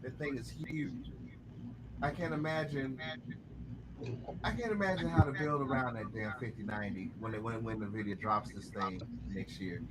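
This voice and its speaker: A man's voice: mid-range voice, heavy background noise. A man hosting a casual online chat, laid-back and rambling, swearing offhandedly.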